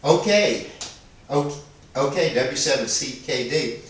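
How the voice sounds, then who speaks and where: A man makes casual two-way radio calls as an amateur operator, sounding hesitant and apologetic in an expressive, slow, mid-range voice. The noisy internet radio link makes him sound echoey and distant.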